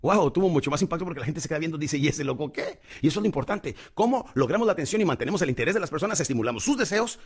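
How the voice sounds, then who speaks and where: A man, a public speaking coach who gives a motivational lesson and swings between a loud voice and a soft one. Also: a little high, lively intonation, rapid-fire, hardly any pauses, breathy edge. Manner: dramatic swings between loud and soft, addresses listener as champion.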